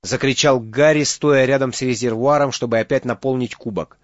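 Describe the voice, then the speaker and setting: A man reading an audiobook as narrator, in steady dramatic storytelling. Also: mid-range voice, a little fast, no echo, muffled recording. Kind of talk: scripted narration.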